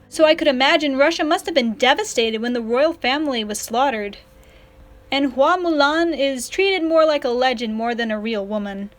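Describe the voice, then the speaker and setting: A woman with a notably high voice reads out viewer questions and answers them in a loose, chatty way. She teases and slips in dry sarcastic jabs. Faint music plays underneath. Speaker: channel host answering fan questions. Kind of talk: casual question-and-answer vlog.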